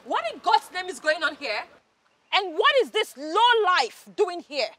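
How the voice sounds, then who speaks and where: An actress with a Nigerian accent playing a haughty young noblewoman who is sharp and insulting. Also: very high-pitched, sing-song, a little slow, noisy background, full character voice. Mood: contemptuous.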